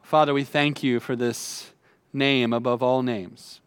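A man's voice: mid-range voice, steady tone, measured pace, clear, resonant tone. A man preaching a sermon as pastor from a church stage at a pulpit microphone, in a chatty, conversational way with filler words.

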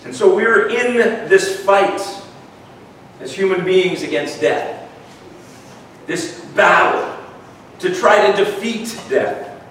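A man's voice: sits high, slow, long pauses, fairly bright tone. A man with a weak, thin voice preaching in a conversational style, repeating words and checking for agreement as he goes. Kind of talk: conversational sermon. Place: large echoey room, worship gathering. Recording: echoey room, distant mic, faint noise.

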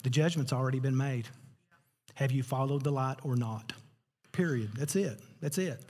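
A man's voice: medium pitch, normal speed, darkish tone, breathy edge, big-room sound. A man preaching a sermon as pastor, mixing joking asides with emphatic, rising preaching. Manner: joking asides, laughs at his own jokes.

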